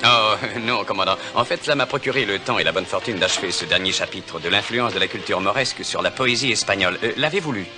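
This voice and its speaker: Young nobleman, male actor, TV adventure dub: lowish, polite, refined, bookish, music underneath. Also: fast, hardly any pauses, lightly acted. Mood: affably courteous. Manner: courteous, refined. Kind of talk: French-dubbed television adventure acting.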